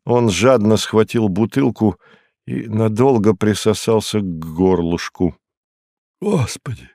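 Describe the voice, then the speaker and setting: A man narrating a detective novel in the first person, in a calm, measured reading. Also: on the low side, no room sound, studio quality. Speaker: audiobook narrator.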